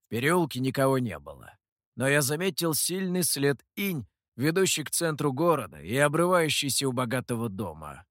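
A man's voice: mid-range voice, big pitch swings, normal speed, fairly bright tone, no room sound. A man voicing a brash, playful male monkey demon who boasts and teases, read in a very dry, close sound. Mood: conspiratorial. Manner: boastful and teasing.

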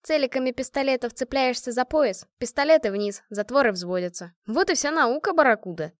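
A woman's voice: high voice, lively intonation, brisk, no room sound, clean studio sound, voice pushed up. A woman voicing a confident young team commander who gives orders decisively and likes to show off a little. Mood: proud. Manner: decisive, a bit boastful.

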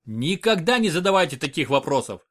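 Man voicing stern giant doctor, curt barked orders, animated, storybook. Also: a little high, moderate pace, pitched above the performer's own voice. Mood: commanding. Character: huge, stern, commanding male doctor.

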